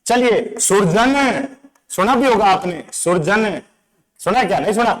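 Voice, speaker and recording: Man, high voice, playful quizzing teacher, exam-prep lesson. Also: animated, a little slow, crowd noise, rough recording. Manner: playful, repeats quizzing questions to students. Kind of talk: exam-prep lecture with memory tricks.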